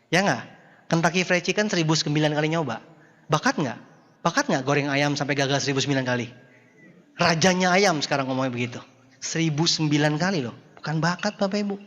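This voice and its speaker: A man's voice: sits high, fairly bright tone. A man giving a motivational seminar talk to an audience in a style, playful and teasing, with mock dialogues and rhetorical questions. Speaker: motivational speaker. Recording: dull echoey hall sound.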